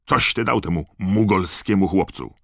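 A man voicing an angry middle-aged wizard father who shouts and scolds his sons. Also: fairly low pitch, huge pitch swings, slow, vocal fry, no echo, clean studio sound, voice pushed up, full character voice. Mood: angry scolding.

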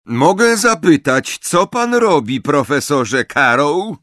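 A man's voice: a little high, animated, slow, fairly bright tone, no echo, studio quality, voice pushed up. A male audiobook reader voicing a stern, older female professor with a cold, clipped, impatient manner. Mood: icy. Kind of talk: audiobook character reading.

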